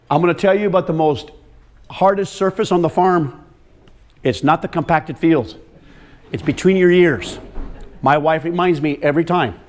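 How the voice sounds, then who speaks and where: Speaking to a room full of farmers about soil health, this man lectures in an emphatic, direct way, repeating words for emphasis. He walks around and calls on audience members, addressing them head-on. His voice sits fairly high and has a darkish tone.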